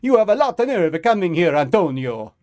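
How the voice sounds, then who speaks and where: A man voicing a brash, hot-tempered male pasta cowboy with a loud Italian accent, in a live reading of a story. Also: high-pitched, big pitch swings, fairly quick, voice pushed up. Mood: threatening. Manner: loud, blustering.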